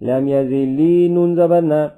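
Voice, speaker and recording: A man teaching a reading lesson, spelling out each syllable slowly before chanting the joined words. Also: fairly high pitch, steady tone, clear, resonant tone. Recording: tinny phone-like recording.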